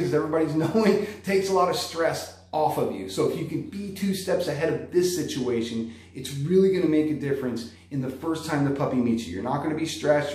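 A dog trainer in his thirties, with a slightly high, somewhat mellow voice, gives practical tips in a vlog, asking "okay?" after each point. He speaks directly to the camera from an indoor room that is very echoey.

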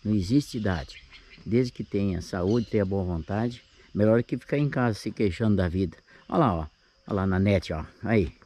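A man in his sixties with a Brazilian accent narrates a casual camping vlog outdoors at a grassy lakeside campsite. His voice is lowish and mellow, and he speaks at a normal speed.

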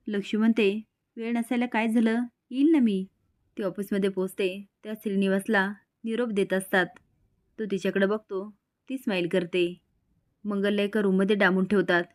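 Woman narrator, steady scripted read, does every character's quotes in her own plain voice. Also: medium pitch. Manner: reads all characters' lines in the same plain voice. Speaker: narrator recapping a TV serial.

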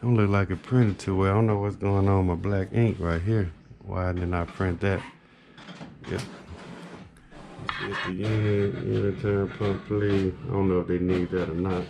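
Low-pitched and gravelly with little pitch movement, this man's voice moves at normal speed. He is an HVAC technician and video host giving an informal, matter-of-fact, rambling product update to a handheld camera indoors in a small carpeted home office, with light background noise on the recording.

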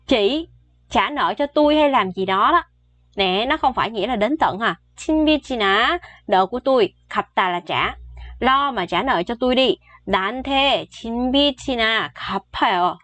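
A woman, chattily explaining Korean phrases and repeating each one slowly for learners. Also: mid-range voice, a bit bright. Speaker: Korean language teacher.

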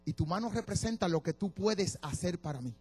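A man preaching, giving voice to God as he speaks to Moses with passionate, shouted pronouncements. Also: sits high, animated, fairly quick, breathy edge. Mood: tender. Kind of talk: sermon.

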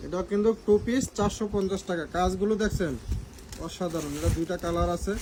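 A man's voice: high-pitched, fast, noisy background. A man with a Bangladeshi Bengali accent, selling clothes in a live stream and often checking that viewers understand. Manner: repeats and checks the listener understands. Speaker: online clothing seller. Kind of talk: live sales pitch.

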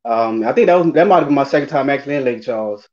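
Very fast and animated, a former college running back in his forties talks in a mid-range, slightly mellow voice with a New Orleans accent. He hails from New Orleans, Louisiana, and chats casually yet hesitantly as an interview guest on an indoor remote video call, with dull lo-fi audio.

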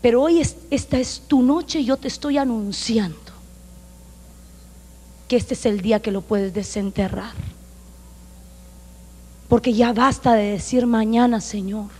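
A woman's voice: fairly high pitch, measured pace, pauses often. A woman pastor with a Honduran accent, preaching a sermon emphatically to a congregation. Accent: Honduran Spanish. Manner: emphatic, preaching loudly with acted-out quotes. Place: church sanctuary. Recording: long reverb of a church hall.

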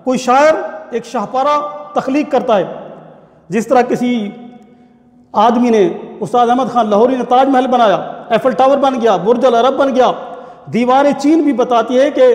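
Guy lecturing college class, steady explaining, roomy echoey hall. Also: extremely high pitch. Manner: explanatory, steady teaching delivery. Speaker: college Urdu teacher. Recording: echoey hall with long reverb.

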